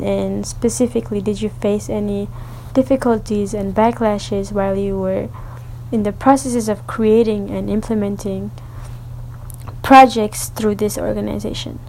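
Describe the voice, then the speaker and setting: A young woman intern hosting a podcast, reading a measured, scripted introduction and questions. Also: medium pitch, vocal fry, dark tone, slight background noise, low-quality recording. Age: young adult. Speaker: intern, show host.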